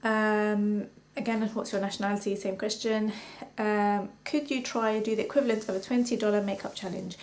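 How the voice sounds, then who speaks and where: A woman's voice: medium pitch, fairly even intonation, normal speed, a little mellow, slight background noise. A young woman from London with a London accent, a makeup artist chatting casually through viewer questions with many ums. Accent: London English. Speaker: beauty vlogger and makeup artist. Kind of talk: casual Q&A vlog.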